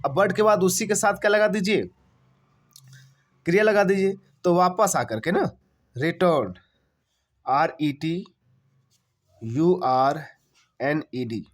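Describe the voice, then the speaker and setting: A man's voice: high-pitched, slow pace, pauses often. A man teaching English translation. He asks questions and answers them himself, spells words out letter by letter and repeats each phrase. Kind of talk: translation lesson.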